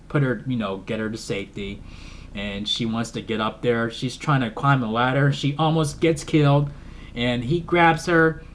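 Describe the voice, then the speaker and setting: A man's voice: mid-range voice, a little hiss or hum. Rambling man retelling a movie plot. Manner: rambling, filler-heavy retelling with emotional asides. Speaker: movie reviewer. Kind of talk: casual film review.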